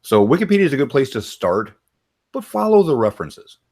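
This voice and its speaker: A man's voice: mid-range voice, very animated, fairly quick, darkish tone. A man chatting casually as a guest, with dry, wry remarks. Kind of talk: casual chat.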